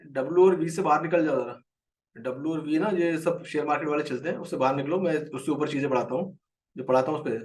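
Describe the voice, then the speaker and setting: A man's voice: on the high side, fast, darkish tone, recorded from a distance. A man with an Indian accent teaching a live trading lesson, explaining a chart and answering viewers by name.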